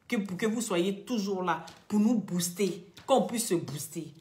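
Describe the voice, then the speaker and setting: A woman's voice: medium pitch, lively intonation, measured pace, warm tone, echoey room. A woman hosting a live video, speaking straight to her followers in an emphatic, lecturing way. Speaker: social media live-stream host.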